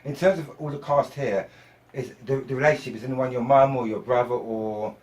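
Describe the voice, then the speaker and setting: A man's voice: mid-range voice, brisk, darkish tone. A male interviewer hosting casually, rambling and stumbling over his words.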